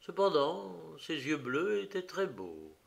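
A man narrating an audiobook of a detective story in a slow, dramatic reading. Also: medium pitch, creaky, a bit bright.

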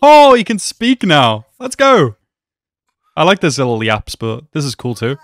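Young guy doing an anime reaction, pitch jumps all over, hyped up. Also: unhurried, dry recording. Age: young adult. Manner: animated, exclaims and laughs often. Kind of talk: excited reaction commentary. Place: small room at home.

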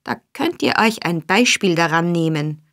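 A woman reading an audiobook, voicing a sly old male gang boss who talks in a coaxing, flattering way. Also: on the low side, moderate pace. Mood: urgent.

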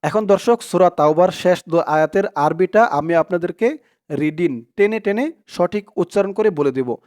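A man teaching Quran reading, spelling out letters syllable by syllable, then chanting the verses in long, drawn-out tones with quick plain explanations in between. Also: high voice, expressive, darkish tone. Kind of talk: step-by-step recitation lesson.

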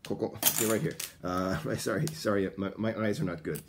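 A man who is a native English speaker, teaching pronunciation in a small studio, switching between English and Japanese and repeating words slowly for drills. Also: fairly low pitch, background noise. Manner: lively, slow drilled repetition. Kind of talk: bilingual pronunciation lesson.

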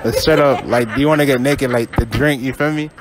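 A man's voice: mid-range voice, brisk, crowd noise. A young man doing a casual prank street interview in a shopping mall with a handheld mic, laid-back and teasing, filling his talk with "you feel me" and "like".

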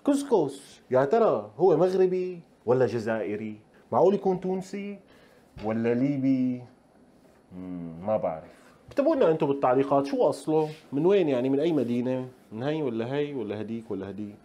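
A man's voice: mid-range voice, big pitch swings, brisk, mellow. A male chef with a Levantine Arabic accent hosting a casual cooking tutorial in a home kitchen. He chats straight to the viewers and throws in playful asides. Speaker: chef and show host.

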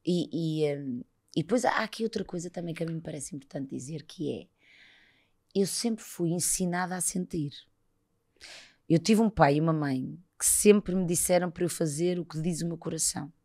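A woman's voice: deep voice, normal speed. A woman in her thirties with a European Portuguese accent, chatting casually as a podcast guest and telling stories while acting out the dialogue. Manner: animated storyteller, acts out dialogue. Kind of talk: casual chat.

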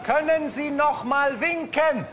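A man's voice: very high-pitched, slow, noisy background. A man playing a smug male cruise passenger in a breezy, self-satisfied tone.

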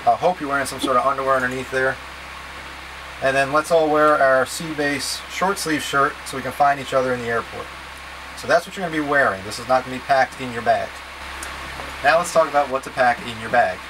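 In a small wood-panelled boat cabin, a man in his thirties talks to a camera a few feet away, explaining packing step by step like a scout leader. His voice is ordinary, slightly high to middle in pitch, a little fast, plain-spoken and casually directive, with a clear steady hum behind him.

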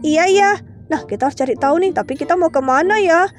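A woman narrates and voices the lead of a game-animation fan drama. She talks in a lively, chatty way with a very high voice. Faint music runs beneath her. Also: fast talker. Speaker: narrator and voice of main character.

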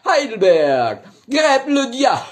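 A middle-aged man performing backwards speech live, shouting out single words and then the same words reversed. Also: very high voice, wildly swooping pitch, takes it slowly. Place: small indoor room. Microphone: phone at arm's length.

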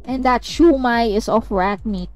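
A woman's voice: fairly high pitch, measured pace, faint music behind. A young woman streamer chatting casually while she plays, talking to her chat and breaking into bits of song. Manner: chatty, sings snatches of songs, talks to chat. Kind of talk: live game commentary.

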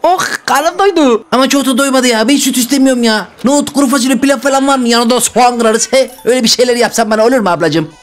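A man's voice: very high-pitched, fast talker, hardly any pauses, a little hiss or hum. A man doing a whiny hungry baby boy. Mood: whining. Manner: whining, pleading, complaining in a babyish voice. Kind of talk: role-play over game footage.

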